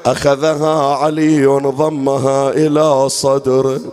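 A man with an Iraqi Arabic accent reciting a religious mourning elegy, moving from quick spoken storytelling into a drawn-out wailing chant. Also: mid-range voice, little pitch movement, a little mellow, faint music behind.

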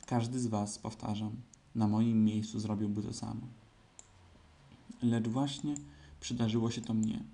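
A man voicing a gloomy, pompous old male donkey in a storybook reading, speaking slowly and solemnly. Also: lowish voice, level tone, creaky, dark tone.

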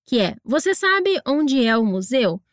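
Female English teacher, high voice, dry close mic, patient drills. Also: very animated, no room sound. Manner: encouraging, slow deliberate pronunciation drills. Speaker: English teacher and podcast host. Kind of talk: scripted language lesson narration.

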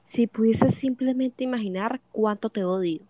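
A woman's voice: a little high, moderate pace, warm tone, dry recording, natural voice. A woman voicing a jealous, bitter wife of fifty who keeps accusing and questioning her husband. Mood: furious. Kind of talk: audiobook dialogue reading.

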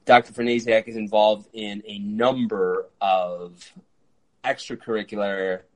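A man in his early thirties hosting a podcast interview, eager and quick, with frequent fillers. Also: lowish voice, fairly even intonation, poor audio. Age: 30s. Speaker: podcast host. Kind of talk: conversational interview.

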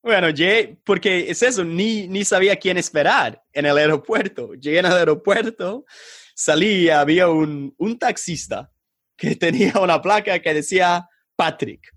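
Man telling stories in halting Spanish. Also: sits high, no echo, studio quality. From England. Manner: hesitant, halting, animated anecdote telling. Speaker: podcast guest. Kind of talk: casual storytelling in an interview.

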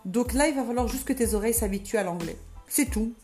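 A woman's voice: a little high, fast, darkish tone. A woman coach telling a teaching story in a chatty way with many hesitations, with faint music behind. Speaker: language coach. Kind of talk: storytelling lesson.

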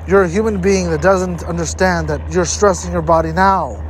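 A host with a noticeably high voice gives health tips in a motivational talk to camera, addressing his listeners directly. He speaks at a moderate pace with fairly even intonation, stressing key points and repeating them. Traffic and other outdoor ambient noise surround him.

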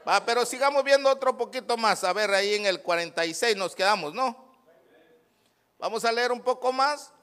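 A male pastor preaching a fervent sermon, swinging between shouts and low asides. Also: moderate pace.

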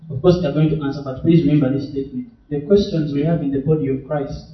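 A man's voice: on the high side, dull audio. A young man preaching at a retreat Q&A, exhorting the audience directly and laughing often. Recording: echoey hall, mic far off.

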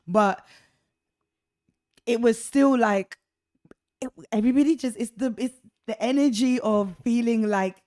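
A woman's voice: a little high, unhurried, pauses often, no echo. Chatty woman in her thirties, dry sound. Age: 30s. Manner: chatty, expressive, laughs often. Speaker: podcast co-host. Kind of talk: casual faith discussion.

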